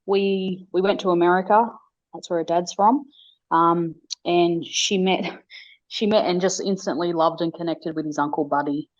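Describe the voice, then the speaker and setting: A woman co-hosting a podcast, telling family stories in a casual, animated way. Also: moderate pace. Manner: animated storyteller, acts out quotes in high voices. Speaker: podcast co-host. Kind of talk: casual chat. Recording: dull lo-fi audio.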